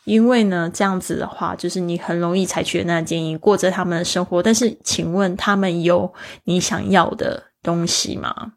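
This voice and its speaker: A woman with a low voice and a gravelly edge hosts a podcast English lesson. She explains words patiently and spells them letter by letter. She speaks straight to her listeners in an encouraging way. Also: fairly even intonation, normal speed, hardly any pauses. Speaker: podcast host and English teacher.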